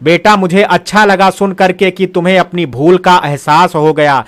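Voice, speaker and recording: A man's voice: high voice, steady tone, moderate pace, natural voice. A man voicing a tearful, loving middle-aged mother who pleads emotionally in an audio story. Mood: soothing.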